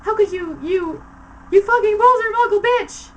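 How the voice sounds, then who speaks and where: A woman voicing a furious, sensitive teenage vampire boy, shouting like a hammy stage actor. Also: very high-pitched, moderate pace, slight background noise, voice pushed up, rough recording. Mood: betrayed fury.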